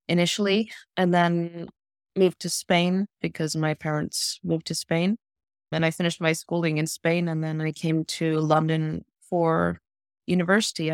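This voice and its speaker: A South African woman who works as a human rights lawyer answers interview questions thoughtfully and with measure, pausing along the way. Her voice is lowish, and the clean studio sound has no room tone.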